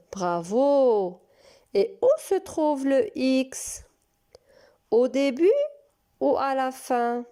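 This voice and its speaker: Woman, preschool teacher, very slow, mellow, encouraging. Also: on the high side, smooth. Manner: slow, drawn-out and encouraging, praising often. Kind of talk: recorded reading lesson for young children.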